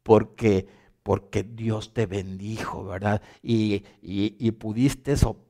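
Dark-voiced man preaching with rising fervor. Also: on the low side, fairly even intonation, takes it slowly. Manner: preaching, swings from quiet to loud, repeats phrases. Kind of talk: sermon.

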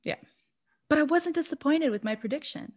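Speaking fairly quickly in a high, animated voice, this Brazilian woman co-hosts a podcast. Portuguese is her first language, and she laughs and uses lots of fillers as she casually talks through a horror movie.

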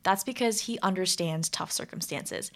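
A woman narrating a student news report in a clear, measured scripted delivery. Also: lowish voice.

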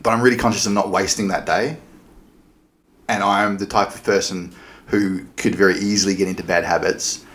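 A man's voice: low-pitched, fairly even intonation, a little fast, a bit bright. An Australian man co-hosting a podcast, speaking casually and hesitantly with many fillers. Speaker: podcast co-host, teacher and blogger. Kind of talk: casual chat.

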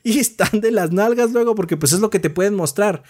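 A man with a Mexican accent co-hosting a casual podcast chat, animated and swearing freely. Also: high voice, brisk. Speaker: podcast co-host.

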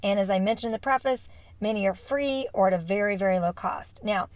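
A woman hosting a podcast in an upbeat, emphatic presenting style, her allergy-affected voice slightly rough with vocal fry. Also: medium pitch, no echo. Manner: enthusiastic, emphatic, drawn-out stresses. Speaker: podcast host.

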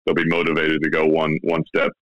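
Deep, bright-toned man. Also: completely flat delivery, fairly quick, no room sound, muffled recording. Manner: hesitant, many fillers and restarts. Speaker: basketball pundit guest. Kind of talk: casual sports chat.

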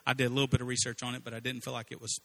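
A man's voice: mid-range voice, completely flat delivery, racing, vocal fry, pushed and bright. A man preaching a sermon, telling a story in a conversational way with frequent asides to the congregation. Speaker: pastor.

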